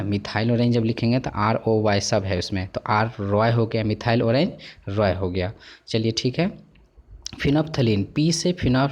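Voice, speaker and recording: A man's voice: medium pitch, a little mellow. A male teacher explaining memory tricks to students, repeating key points and asking and answering his own questions. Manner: repetitive, coaxing, asks and answers own questions.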